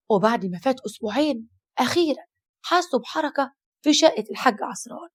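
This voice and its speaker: A woman with an Egyptian accent narrating a horror story in a brisk, suspenseful way. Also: a little high, a little mellow.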